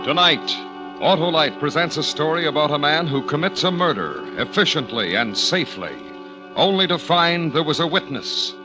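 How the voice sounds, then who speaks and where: An American man announces a suspense radio show in a formal, dramatic, deliberate 1950s style, his voice a little high with lively intonation. It's a vintage recording, with music playing behind him.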